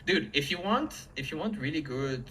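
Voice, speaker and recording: A man's voice: fairly high pitch, animated, normal speed, sharp tone, rough recording. A man who teaches painting, chatting casually and enthusiastically on a livestream in an informal way. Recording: faint background room noise.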